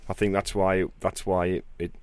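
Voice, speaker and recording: A man's voice: sits low, level tone, moderate pace, a little mellow, clear, resonant tone, no echo. A man talking casually about football as a podcast panellist.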